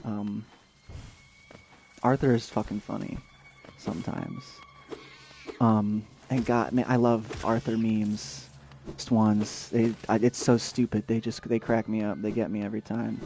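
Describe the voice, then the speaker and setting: A young man chats loosely over his game stream, stopping and restarting his sentences. His voice sits in a mellow, warm register. Faint noise sits under the talk. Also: medium pitch. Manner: rambling, many fillers and restarts. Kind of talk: casual let's-play chat.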